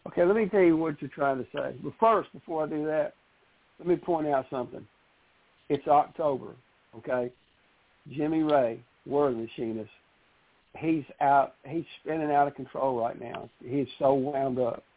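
A man calling in to a radio show over a phone line, chatting casually in an animated, rambling way. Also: a little high, normal speed. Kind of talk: casual on-air chat.

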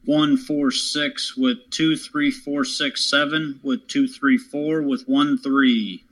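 A man's voice: medium pitch, fairly even intonation, takes it slowly, a bit bright. A man chatting casually as a panelist on a horse racing show. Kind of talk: casual chat.

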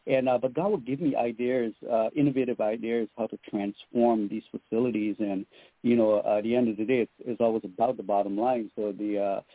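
A man's voice: fairly low pitch, fairly even intonation, a little fast, no room sound. Middle-aged male radio guest calling in on a dry, tinny line; earnest, faith-driven, filler-heavy. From Trinidad and Tobago. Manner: earnest, spiritual, with many fillers. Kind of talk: radio interview.

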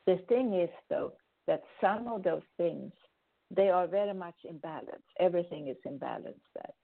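A woman's voice: on the low side, lively intonation, moderate pace, creaky. A woman hosting a show and answering listener questions, giving earnest, rambling advice with frequent restarts. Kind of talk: spoken advice talk. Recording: tinny phone-like audio.

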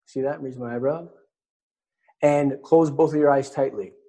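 Guy running a webinar, husky voice, chatty and explaining stuff as he goes. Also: mid-range voice, fairly even intonation, moderate pace, warm tone. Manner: conversational, demonstrating on a model skull. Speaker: webinar instructor. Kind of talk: live teaching webinar.

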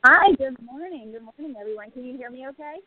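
A woman's voice: high voice, expressive, quick pace, no room sound. Podcast guest, woman, muffled through-a-wall sound on a tinny speakerphone line, hesitant delivery, dry. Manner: hesitant, many restarts. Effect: muffled, as if heard through a wall. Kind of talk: casual interview chat. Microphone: phone on speaker.

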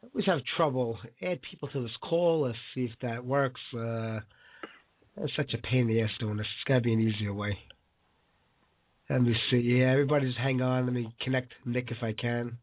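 A man's voice: medium pitch, steady tone, brisk, no echo. Sick-voiced male radio host, phone-like sound. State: sick with a cold, voice worn. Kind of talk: casual live radio show chat. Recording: phone-like lo-fi audio.

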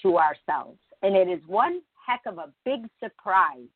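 A woman's voice: mid-range voice, expressive, a little slow, breathy edge, no room sound, narrow, tinny audio. A woman hosting a morning show, talking conversationally and emphatically straight to her listeners in a reflective spiritual monologue.

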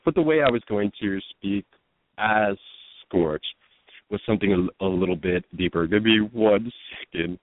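A man speaks as an interview guest, explaining his work in an earnest, searching way. His voice is very low-pitched. The sound is dry and thin, as if over a phone line. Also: moderate pace, no echo. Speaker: actor and producer guest. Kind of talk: interview answers.

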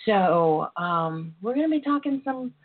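A woman's voice: mid-range voice, lively intonation, a little slow. A woman hosts a casual talk show. She is sassy and flirtatious, addressing people with endearments. The sound is narrow and tinny, like internet radio over a phone. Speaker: talk show host, relationship and intimacy coach. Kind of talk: casual radio call-in chat.

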